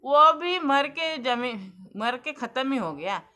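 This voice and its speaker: Woman vlogger, young adult, earnest and preachy, fairly high voice, casual talk. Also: lively intonation, slow, pushed and bright. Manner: earnest, preachy, addresses viewers as friends. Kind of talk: casual advice monologue.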